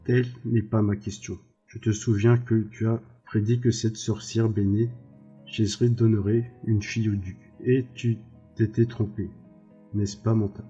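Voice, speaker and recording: A cruel, scheming baron, read by a man who talks slowly and with mockery. The voice is dark and low with little melody. The audio is slightly dull, with faint music underneath. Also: little pitch movement, lightly acted. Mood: mocking. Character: cruel scheming male baron, older, menacing.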